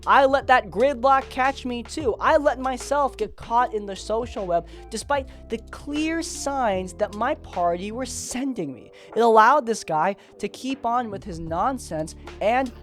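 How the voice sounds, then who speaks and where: A man hosting a tabletop gaming tips video, talking in a candid, expressive and self-deprecating way. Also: very high voice, a little slow, few pauses, soft background music. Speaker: YouTube RPG tips host. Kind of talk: casual talking-head commentary.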